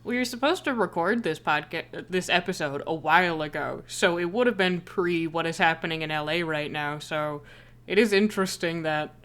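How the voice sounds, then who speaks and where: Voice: medium pitch, moderate pace, a bit bright. A podcast co-host chatting casually, often hesitating and laughing along.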